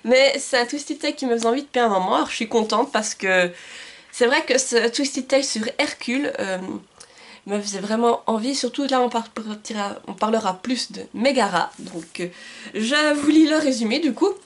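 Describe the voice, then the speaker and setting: A woman's voice: a little high, moderate pace. Chatty woman book vlogger. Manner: chatty, many fillers and restarts. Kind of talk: casual book haul chat. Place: home room with bookshelves and Christmas lights. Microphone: camcorder mic.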